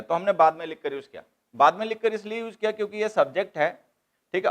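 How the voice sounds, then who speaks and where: ऊँची आवाज़ वाला व्याकरण शिक्षक. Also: male voice, high voice. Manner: explains step by step, repeats key points, mixes English terms into Hindi. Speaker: English grammar teacher. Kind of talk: classroom lecture.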